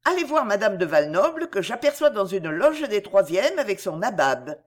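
A woman's voice: medium pitch, big pitch swings, normal speed. A woman reading a storybook and voicing a young courtesan, tender, scheming and coaxing. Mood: teasing. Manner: coaxing, affectionate.

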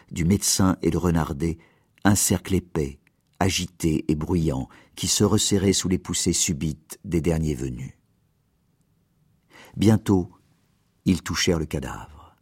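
A man reading a story aloud in measured, expressive scripted narration. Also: deep voice, slightly rough, dry recording, studio quality.

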